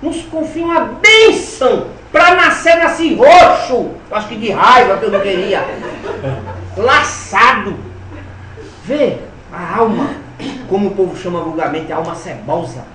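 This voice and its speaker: A man from Alagoas gives a spiritist lecture, telling personal stories with humor and sudden swings between loud and soft. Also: high voice, measured pace, crowd noise. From Alagoas, Brazil. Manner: animated, humorous storyteller with dramatic swings in loudness. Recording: roomy hall, voice from a distance, faint ambience.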